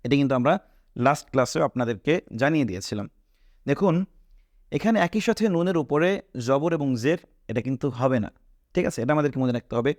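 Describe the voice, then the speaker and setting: A man's voice: medium pitch, animated, fast talker, long pauses, a little mellow, no echo, studio quality. A man teaching a Quran reading class, patiently repeating each point and answering his own questions. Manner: mixes a few English words into his teaching. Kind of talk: online class lesson.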